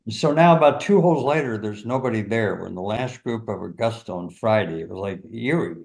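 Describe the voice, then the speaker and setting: An older man, a golf teacher and former caddie, telling animated stories in an interview and chuckling along. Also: lowish voice, brisk, gravelly. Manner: animated, laughs through stories, many "you know"s. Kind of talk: anecdotal storytelling in an interview.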